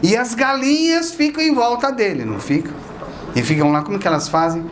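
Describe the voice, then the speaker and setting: A man's voice: sits high, expressive, a little fast, slight background noise. A man giving a spiritual lecture, talking conversationally and asking the audience questions. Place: lecture hall of a spiritist association.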